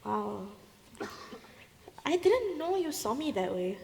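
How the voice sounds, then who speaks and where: A blunt, doubtful friend played by a woman talks slowly in a high, lively stage voice. The hall echoes around it. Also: gravelly, heavily acted. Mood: hesitant. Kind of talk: theatrical stage acting.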